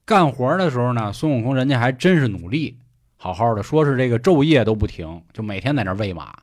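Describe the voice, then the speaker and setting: A man's voice: medium pitch, big pitch swings, quick pace. A man co-hosting a casual talk show, retelling a classic tale in a joking, colloquial way. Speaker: podcast co-host. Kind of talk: casual storytelling chat.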